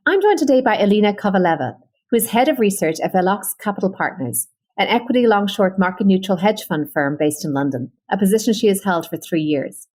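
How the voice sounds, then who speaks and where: A woman hosting an interview podcast, introducing her guest and asking questions in a measured, conversational way. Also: mid-range voice, expressive. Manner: warm and measured, reading sponsor copy and asking questions. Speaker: podcast host.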